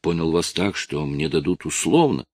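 A man's voice: extremely low pitch, lively intonation, normal speed, darkish tone, dry recording, studio quality. A man voicing a whiny young addict, anxious and pleading. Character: young male drug addict under arrest, pleading.

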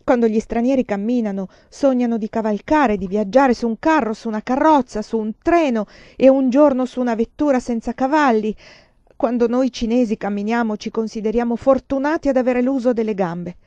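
A frustrated young Chinese lover bursts out in loud, rising protests in a slightly dull, lo-fi storybook recording, played by a woman reader. His voice is mellow rather than sharp, close and dry. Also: on the high side, fairly quick, no echo, voice pushed up, natural voice. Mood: bitter. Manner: rising, pleading and indignant outbursts.

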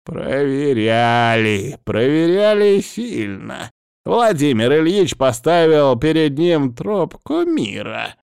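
Man doing a raging old healer, high and gravelly. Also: very animated, no room sound, clean studio sound, heavily acted. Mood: grumbling. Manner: shouting, strained and drawn-out. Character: irritable old male healer, furious and bitter.

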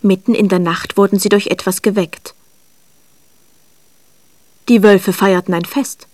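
A woman giving a scripted, expressive storybook narration in a measured way, recorded in a studio. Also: mid-range voice, dry recording.

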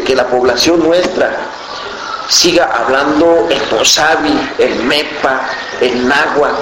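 Earnest Mexican man, roomy noisy recording. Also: mid-range voice. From Guerrero mountain region, Mexico. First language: Mixtec. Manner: earnest, unhurried, often checking with "¿no?". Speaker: community radio member. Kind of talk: interview answers. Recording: roomy with background noise.

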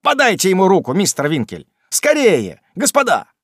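A man voicing a brisk, blunt, loyal manservant who talks loudly and urgently. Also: fairly high pitch, big pitch swings, dry recording, studio quality, pitched above the performer's own voice.

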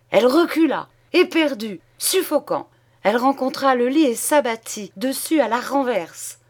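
A woman reading a classic short story aloud in a measured, deliberate way. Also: medium pitch. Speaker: audiobook reader. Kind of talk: literary narration.

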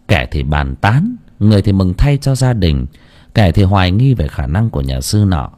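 A man reads a ghost story aloud as an audiobook narrator. His voice is fairly low yet very animated in its melody. He tells the story expressively. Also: breathy edge.

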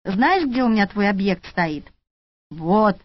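A woman's voice: medium pitch, animated, slow, dry recording. A woman voicing a tired middle-aged male police officer who barks orders and grumbles in exasperation. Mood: exasperated. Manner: barking, exasperated. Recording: lo-fi audiobook recording.

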